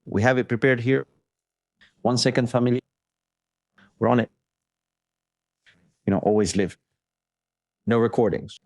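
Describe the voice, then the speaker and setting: A man's voice: mid-range voice, unhurried, pauses often, no room sound, clean studio sound. A man hosting a live stream, delivering breaking news commentary in an explanatory way, repeating points for emphasis.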